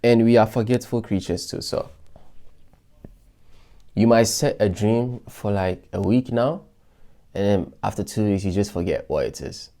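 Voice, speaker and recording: Speaking a little slowly with long pauses, this man has a fairly low, dark-toned voice. He reflects on his goals in a casual motivational vlog for his followers, restarting often and using plenty of fillers.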